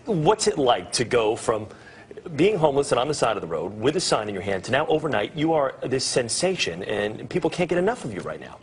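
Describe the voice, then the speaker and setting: Man, morning news anchor, mid pitch, upbeat, chuckling, faint hiss. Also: very animated, brisk. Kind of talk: TV news interview.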